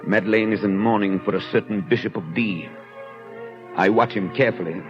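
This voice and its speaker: Man acting a low-voiced, suspicious police inspector. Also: brisk, close to an everyday voice. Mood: watchful, methodical. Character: suspicious, watchful police inspector writing his notebook. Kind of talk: 1930s radio drama acting, dated notebook entries. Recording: dull 1930s radio recording. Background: clear music.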